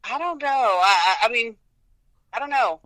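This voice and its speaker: A woman in her forties chats about her band, tripping over her words with repeated restarts and casual swearing. Her tone is bright and forceful, recorded dry and close. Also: fairly high pitch, lively intonation, moderate pace, no room sound, low-quality recording. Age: 40s. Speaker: band member. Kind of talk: casual chat.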